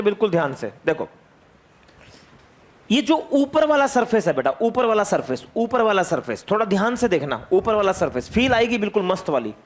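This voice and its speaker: A man teaching physics to a class. He repeats key phrases, keeps asking his students questions and calls on them by name. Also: high-pitched. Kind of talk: energetic classroom lecture.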